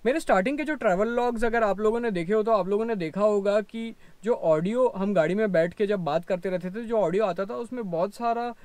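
High-voiced man explaining inside a car. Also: fairly quick, few pauses, darkish tone, no echo. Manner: step-by-step explaining, pointing out gear. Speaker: vlogger. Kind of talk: explanatory vlog talk. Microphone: lapel mic.

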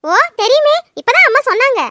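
This is a very high, bright, cheeky little girl in a cartoon. She rattles off her lines at speed, blunt and bossy with her older cousin. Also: very animated, no echo, clean studio sound, exaggerated voice. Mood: impatient. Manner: quick, chattering, blunt. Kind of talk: cartoon dubbing.

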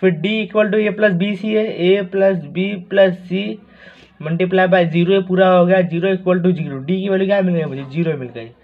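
A man's voice: high voice, steady tone, a little slow. A man teaching math, talking through each step in a chatty way and asking the class rhetorical questions. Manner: chatty, asks rhetorical questions, repeats words. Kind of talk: explaining math steps on a board. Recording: tinny phone-like audio.

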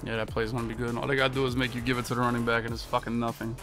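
Bright-voiced American man griping while gaming. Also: mid-range voice, completely flat delivery, racing, soft background music. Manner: frustrated, profane griping. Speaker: video game streamer. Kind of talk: live gameplay commentary. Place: small indoor streaming room with monitors.

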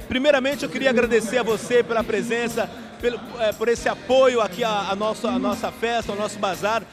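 A man organizing the event, speaking effusively and a little haltingly into a handheld mic in an indoor hall, with music playing behind. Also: extremely high pitch, steady tone. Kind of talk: on-camera statement at an event.

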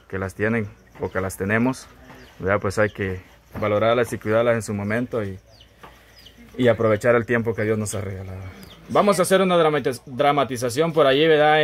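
Earnest low-voiced man giving a reflection. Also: brisk. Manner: earnest, moralizing, tag questions. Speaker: host. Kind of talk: reflective talk to viewers.

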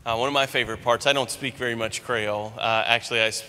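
A male student minister speaks eagerly to the congregation from a church stage into a handheld mic. His voice is bright and forward. It rings in the long reverb of a large sanctuary. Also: mid-range voice, fairly even intonation, fast talker, a little hiss or hum. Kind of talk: church announcement.

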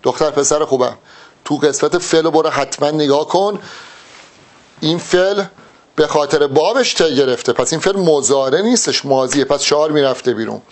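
A man teaching exam preparation, working through test answers in a lively, emphatic way and speaking straight to his students. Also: fairly high pitch. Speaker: exam-prep Arabic teacher. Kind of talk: test-solving lesson.

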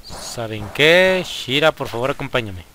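Young man, Mexican accent, bright voice, excitable gaming commentary, faint background noise. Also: mid-range voice, unhurried. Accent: Mexican Spanish. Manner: excitable, frequent exclamations at the game. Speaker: gaming youtuber. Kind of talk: casual let's play commentary.

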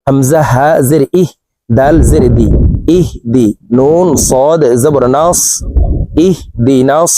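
A man teaching Quran recitation, spelling out each syllable and then chanting the words slowly and drawn out. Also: fairly high pitch, noisy background. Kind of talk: letter-by-letter recitation lesson.

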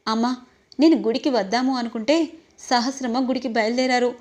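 A woman voicing a humble, gentle young wife who speaks politely. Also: a little high, fairly even intonation, fairly quick, lightly acted.

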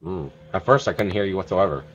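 A man's voice: deep voice, quick pace, a crowd in the background. A man chatting with a stranger over a video chat, talking bluntly and swearing a lot. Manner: profane, blunt banter. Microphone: webcam over video chat. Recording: muffled webcam audio, faint hiss.

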